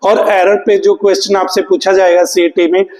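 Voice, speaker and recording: A male English teacher coaching for an exam, who asks the class questions and answers them himself, repeating key words and reading English slowly. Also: high voice, flat delivery, a little mellow, in a large hall, low-quality recording. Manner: reads English question text slowly and deliberately; calls students "beta" affectionately. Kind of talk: classroom lesson.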